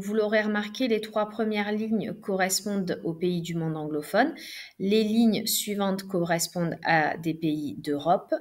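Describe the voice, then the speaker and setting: A woman teaching English vocabulary, modelling each word clearly for students to repeat. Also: fairly low pitch. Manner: slow, deliberate, exaggerated stress on modelled words. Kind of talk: pronunciation lesson, modelling words for repetition.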